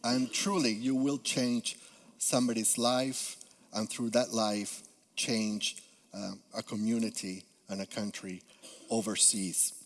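A Peruvian man in his fifties, speaking Spanish-accented English, preaches earnestly as a guest speaker, often filling gaps with "uh." His voice is on the low side, with fairly even intonation and a slow pace, and the church sanctuary lends a long hall reverb.

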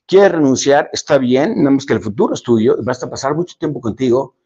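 A man giving a motivational speech, dramatic, swinging between loud emphasis and soft, low lines. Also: lively intonation, fairly quick, slightly rough. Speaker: motivational speaker. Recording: dull lo-fi recording.

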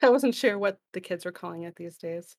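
A woman's voice: on the low side, animated, a little fast. A woman hosting a casual podcast chat, an enthusiastic, giggly fan who sounds slightly out of breath after being ill. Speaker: podcast host.

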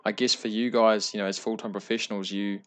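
A man's voice: fairly low pitch, little pitch movement, fast, a bit bright. A man with a New Zealand accent hosting a casual interview, asking long rambling questions in friendly, slangy talk. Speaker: interviewer, podcast host.

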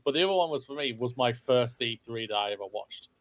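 A man's voice: mid-range voice, animated, fast talker. Male podcast co-host, rambling casual chatter, talks to the audience directly. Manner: rambling, addresses listeners as ladies and gentlemen.

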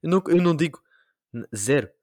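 A young man with a European Portuguese accent chatting casually on a podcast, telling stories with lively imitations and sudden loud outbursts. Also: on the high side, fast, no room sound, studio quality. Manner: animated storytelling, mimics voices, rising into outbursts. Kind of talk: casual chat.

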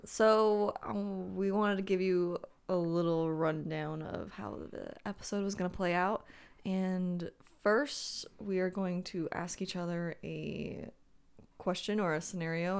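A woman's voice: on the low side, steady tone, measured pace, creaky, clean tone. A woman co-hosting a casual podcast, playful and giggly, tired from little sleep. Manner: giggly, playful, sets up scenarios. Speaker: podcast co-host. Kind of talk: casual chat.

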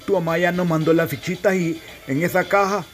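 A man's voice: high voice, fairly even intonation, a little fast, faint music behind, close to an everyday voice. A man playing a teasing old Salvadoran grandfather. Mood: gruff tender. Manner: teasing, calls the boy a fool affectionately. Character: old grandfather Encarnación, gruff teasing and tender.

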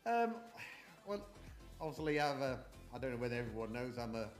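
Born in New Zealand and moved to the UK at age eight, this middle-aged man chats as a podcast guest, rambling through memories in a casual, reminiscing interview. His mid-range voice is very animated and brisk, with soft background music behind it.

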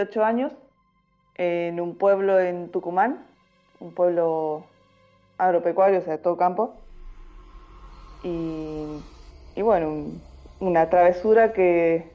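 A woman's voice: on the low side, phone-quality sound. A woman in her thirties from Salta, Argentina, telling a childhood story as a podcast guest, hesitant and full of fillers. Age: 30s. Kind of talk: casual storytelling interview.

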